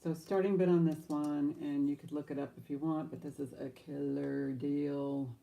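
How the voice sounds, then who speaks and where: Gravelly, low-voiced woman auctioneer. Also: fairly even intonation, normal speed, mellow. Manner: chatty, enthusiastic, talks to herself while handling items. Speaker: live auction host.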